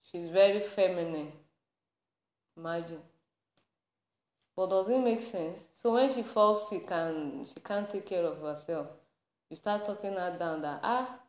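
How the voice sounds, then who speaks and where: A woman podcast host in a passionate faith-based rant, laughing between points and building to anger. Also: fairly low pitch. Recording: roomy echo.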